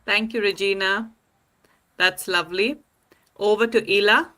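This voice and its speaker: A woman's voice: mid-range voice, steady tone, measured pace, pushed and bright. A woman hosting a live online panel discussion over a video call, upbeat and welcoming.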